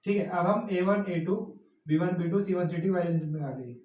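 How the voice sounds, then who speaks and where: A man's voice: high voice, fairly quick, mellow. A male teacher explaining a math lesson step by step, asking and answering his own questions as he works through it. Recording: roomy, distant, muffled classroom recording.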